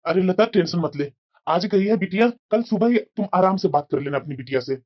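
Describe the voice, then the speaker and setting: A woman voicing a calm, soothing middle-aged husband and father in a cartoon family drama. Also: fairly low pitch, brisk, background noise, close to an everyday voice. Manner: mild, soothing, reasonable. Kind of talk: cartoon voice acting. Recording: dull lo-fi sound.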